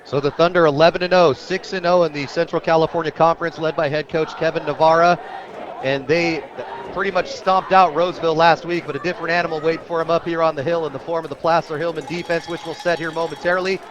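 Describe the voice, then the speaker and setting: Broadcasting live radio play-by-play of a football game, an American man speaks from a stadium booth with the outdoor crowd audible behind him. He has a higher-side voice, a steady tone and a quick pace, and the recording sounds muffled.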